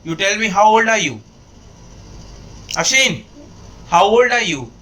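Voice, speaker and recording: A man's voice: high voice, big pitch swings, extremely slow, bright, forceful tone. An Indian man filming a family birthday at home, coaxing and teasing a toddler in a playful, repetitive way. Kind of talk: casual family home video.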